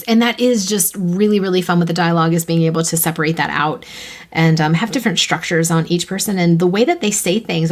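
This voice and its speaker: An American woman co-hosting a writing podcast in casual chat, bubbly and talkative, now and then breaking into high excited squeals. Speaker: podcast co-host, fiction writer.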